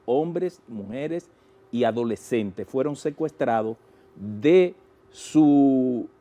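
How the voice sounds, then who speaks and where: A male commentator with a Dominican, Caribbean Spanish accent and a dark, relaxed tone. He sets out his analysis as an interview guest in deliberate, measured phrases, leaving weight on key words. His pitch is average for a man. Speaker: guest political analyst and journalist.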